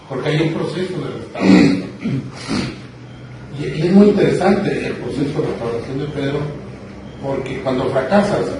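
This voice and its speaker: A man preaching a sermon, telling the story with emphatic repetitions. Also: mid-range voice. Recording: echoey hall, distant mic, noisy.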